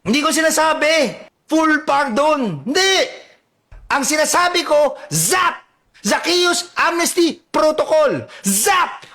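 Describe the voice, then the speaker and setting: A man retelling a Bible story as satire, animated and joking, with loud bursts, low mutters and asides. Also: slow. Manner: animated, joking asides, laughs mid-sentence. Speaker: satirical vlogger.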